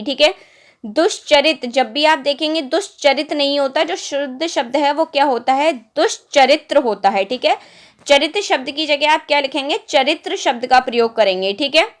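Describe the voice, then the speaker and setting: A young woman with a high-pitched voice teaches Hindi spelling for exam preparation. She goes word by word, patient and repetitive, asking rhetorical questions and answering them herself. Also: a bit bright. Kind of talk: exam-prep spelling lesson.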